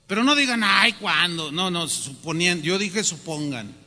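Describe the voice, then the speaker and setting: A man preaching a sermon, animated and often questioning the congregation. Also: high-pitched, moderate pace. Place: church hall. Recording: long hall reverb.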